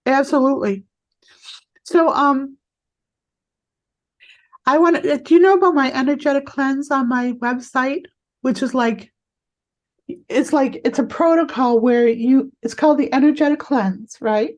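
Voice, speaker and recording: A woman energy healer guiding a client in a healing session, talking in a soothing, reassuring way with halting restarts. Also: high voice, a little mellow.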